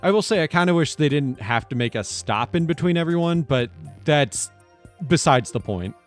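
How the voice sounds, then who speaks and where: A man chatting casually on a game stream in an animated way, swearing freely. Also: a little high, normal speed, soft background music. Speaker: streamer playing a visual novel game. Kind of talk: casual game stream chat mixed with dramatic read-aloud of game dialogue.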